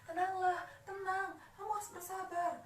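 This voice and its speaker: A woman's voice: extremely high pitch, little pitch movement, normal speed, slight background noise, voice pushed up. A woman voicing a caring older sibling in a told story, coaxing and anxious by turns. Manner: coaxing, then anxious and soothing.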